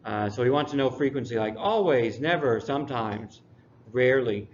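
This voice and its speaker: A man teaching English and reviewing a textbook unit in a relaxed way, with dry classroom humor. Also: mid-range voice, normal speed. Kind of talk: recorded lesson review. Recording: dull lo-fi recording, faint noise.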